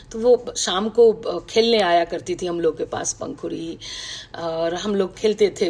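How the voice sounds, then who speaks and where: A middle-aged woman, a writer, recalling her past in a reflective, personal talk on a video call, with many pauses and fillers. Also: lowish voice, darkish tone, breathy edge. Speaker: writer speaking to an online audience. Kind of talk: personal reminiscence, casual talk.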